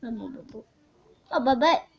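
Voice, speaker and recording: A woman's voice: a little high, animated, normal speed, gravelly, lo-fi sound, a little hiss or hum. A young woman chatting over her gameplay, giggly, trailing off, and complaining that she is losing her voice. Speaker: gaming vlogger. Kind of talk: casual gameplay commentary.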